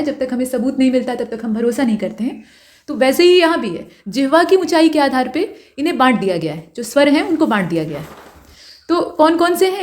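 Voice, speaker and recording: High-voiced woman teaching a grammar lesson. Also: a little mellow. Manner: explains patiently, checks understanding with "ठीक है"; sounds out vowels and letters slowly as examples. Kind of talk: online exam-prep lesson.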